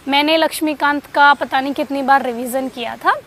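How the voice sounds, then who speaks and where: Woman, high-pitched, conversational, filler-heavy, exam study tips, faint traffic behind. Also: fairly even intonation, a little fast, fairly bright tone. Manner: conversational, many fillers and restarts. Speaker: exam topper giving study advice. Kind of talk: casual advice talk.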